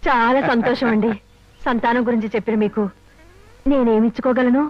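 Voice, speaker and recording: A woman's voice: on the high side, steady tone, a little fast, lightly acted. A woman playing a polite gracious young wife. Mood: pleased. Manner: polite and courteous. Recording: muffled old film soundtrack.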